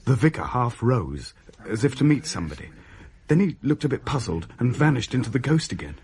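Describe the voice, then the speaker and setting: An actor playing a young adult son narrating a radio play in a wry, understated way. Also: male voice, medium pitch, very animated, brisk, a little mellow, a little hiss or hum.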